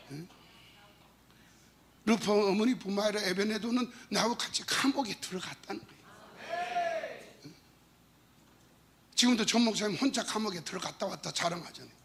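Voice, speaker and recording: A middle-aged male pastor with an unusually high voice preaches a revival sermon in a church. He is playful and animated, often rising into shouted emphasis. A faint hiss sits under the recording. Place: church sanctuary.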